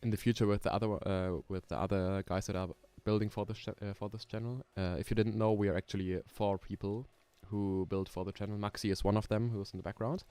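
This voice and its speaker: Speaking English with a German accent, a young man from Germany streams casually as he builds roller coasters, his voice smooth and a little low in a dry recording. He's relaxed and unhurried, musing aloud with frequent ums and soft laughs while keys click behind him.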